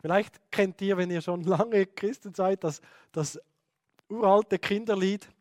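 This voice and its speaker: Male Bible teacher, slow measured delivery, dry close sound, conversational lecture style. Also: high-pitched, darkish tone, dry recording. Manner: conversational, acts out quoted speech with many "hey" asides.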